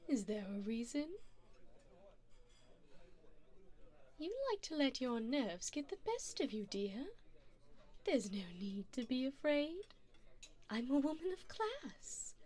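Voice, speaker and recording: In an ASMR roleplay, a woman gives a full character voice to a refined, predatory vampire lady, speaking very slowly in a slightly high voice. Calm, formal and composed, she reassures the listener while teasing them with flirtatious endearments.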